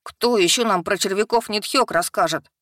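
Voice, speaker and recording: A woman voicing a talkative, restless young male dragon student who speaks loudly and excitedly. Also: lowish voice, normal speed, dry recording, clean studio sound.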